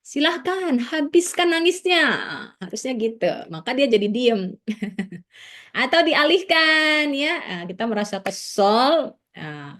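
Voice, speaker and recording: A woman psychologist giving a casual, reassuring seminar talk to parents, often dropping in little filler words as she explains. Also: medium pitch. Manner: chatty, peppers speech with "nah" and "ya"; warm, reassuring teaching tone.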